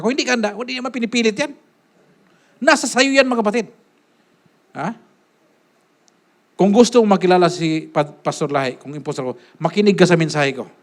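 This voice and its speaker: A man preaching a sermon as pastor, swinging between loud, forceful lines and hushed asides, often tossing a quick question to the congregation. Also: on the high side, animated.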